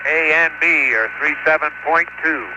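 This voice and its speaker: A man's voice: fairly high pitch, moderate pace. A man speaking in clipped, matter-of-fact radio procedure, heard over a breaking-up space radio transmission from far off. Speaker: astronaut reporting to mission control. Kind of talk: terse radio procedure talk. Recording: dull noisy radio link from far off.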